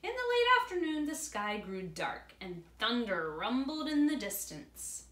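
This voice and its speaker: This middle-aged woman, teaching young students, reads a picture book aloud and talks them through it in a very animated, unhurried way. Her voice is on the high side with a fairly bright tone. She's recorded at home near a glass door by a camera a few feet away, in a room with noticeable echo and faint noise.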